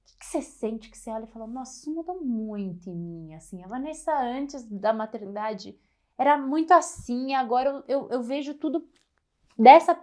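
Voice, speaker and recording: A woman's voice: on the high side, animated, normal speed, a little mellow. A woman with a Brazilian Portuguese accent hosting a casual interview podcast, reacting with enthusiasm and asking questions. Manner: enthusiastic, gives short affirming reactions.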